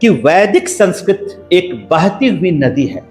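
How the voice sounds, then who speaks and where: High-voiced man lecturing calmly. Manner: measured lecturing, building points in lists. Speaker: guest scholar. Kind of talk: explanatory podcast talk. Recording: roomy echo, faint background music.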